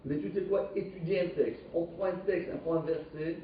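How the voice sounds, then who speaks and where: A man who teaches a live Talmud class, lively and questioning, explaining the text step by step. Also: fairly high pitch, moderate pace, slight background noise. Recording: distant echoey dull live stream.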